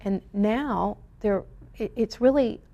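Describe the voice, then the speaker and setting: A woman's voice: medium pitch, slow, vocal fry, mellow, lo-fi sound. A woman hosting a spiritual talk show, speaking in an earnest, reflective and uplifting way. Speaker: show host. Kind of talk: spiritual talk radio chat.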